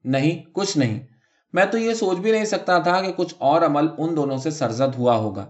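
A man's voice: on the high side, expressive, natural voice. A man doing Ghulam Din, a jealous tonga driver. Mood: brooding. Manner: heated, indignant speech. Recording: dull lo-fi recording.

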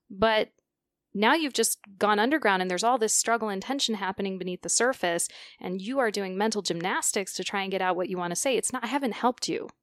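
A woman's voice: medium pitch, no echo, studio quality. A woman speech-language pathologist speaking as a guest in a podcast interview, emphatic and passionate, often restarting her sentences.

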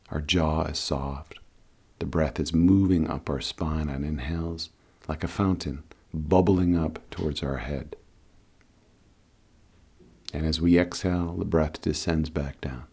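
A man leading a guided meditation in a calm, soothing, unhurried way. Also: rumbling low, breathy edge. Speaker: guided meditation and breathing teacher.

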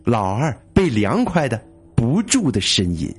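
A man telling a comic ghost story with lively, dramatic delivery. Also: medium pitch, a little slow, breathy edge, soft background music.

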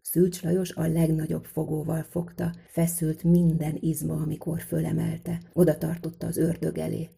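A woman's voice: deep voice, monotone, creaky, hardly any pauses, dark tone, breathy edge. A woman reading a folk tale aloud in a vivid, rhythmic storytelling manner.

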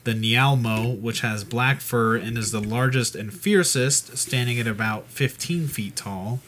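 This is a young man in casual podcast chat, laid-back and joking as he reads out facts from his notes. His voice sits at an ordinary, middle pitch for a man. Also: a little slow, a bit bright, a little hiss or hum. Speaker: podcast co-host.

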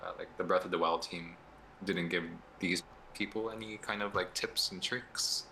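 Deep gravelly man, hesitant and dry. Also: fairly even intonation, normal speed, bright, forceful tone, a little hiss or hum, rough recording. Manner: hesitant, many fillers, dry humor. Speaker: podcast co-host. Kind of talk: casual chat.

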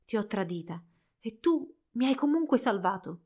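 A woman's voice: a little high, sing-song, normal speed, dark tone, slightly rough. A woman voicing an impulsive young man in a storybook reading, speaking urgently. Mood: remorseful.

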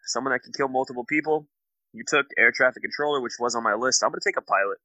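A man's voice: medium pitch, quick pace, sharp tone, dry recording, low-quality recording. A man co-hosting a podcast, joking casually with his friends. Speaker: podcast co-host. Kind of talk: casual comedic banter.

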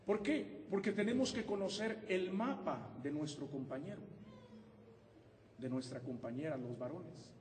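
A man preaching a sermon as pastor in a church, animated and humorous. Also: fairly high pitch, measured pace, recorded from a distance, slight background noise. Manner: animated and humorous, acting out husband-wife exchanges. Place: church sanctuary. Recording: echoey hall, preacher away from the mic.

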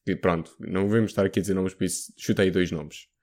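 A young man with a fairly low voice tells a story in a casual chat. He is lively and jumps into other people's voices, with plenty of everyday fillers along the way. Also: fast talker.

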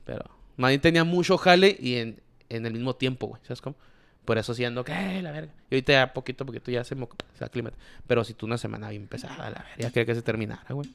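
A man's voice: mid-range voice, racing, creaky, fairly bright tone, clean tone. A man with a northern Mexican border accent telling anecdotes casually among friends, in slangy, heavily profane talk.

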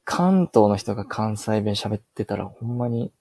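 A man's voice: on the low side, expressive, unhurried, dark tone, no echo. A young man in his twenties with a Kansai accent, co-hosting a casual podcast chat in a laid-back, agreeable way with lots of drawling fillers. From Kansai, Japan. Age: 20s. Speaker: podcast co-host.

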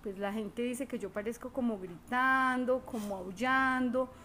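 Expressive woman telling stories. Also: a little high, unhurried, slight background noise. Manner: expressive, animated storytelling with put-on quoted voices. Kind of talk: casual chat.

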